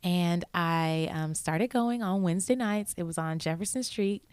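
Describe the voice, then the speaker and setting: A woman's voice: on the low side, normal speed, a little mellow, clear, resonant tone, no room sound. A young woman, a singer chatting as a guest in a bubbly, talkative way with frequent laughter. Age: 20s. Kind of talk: casual chat.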